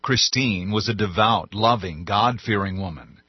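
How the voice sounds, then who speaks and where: A man narrating an audiobook in a measured, even reading. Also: fairly low pitch, breathy edge, no echo. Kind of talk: scripted narration. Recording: dull, dry studio sound.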